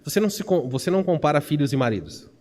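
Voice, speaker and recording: Brazilian pastor man preaching, kinda high voice, earnest, long church echo. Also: expressive, very fast, darkish tone. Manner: earnest, asks the congregation questions. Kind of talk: expository sermon. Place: church sanctuary.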